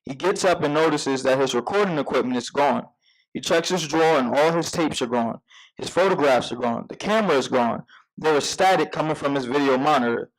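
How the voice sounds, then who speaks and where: At a table read, a man with a fairly high voice narrates a screenplay, reading the scene headings and stage directions a little fast. The audio quality is poor.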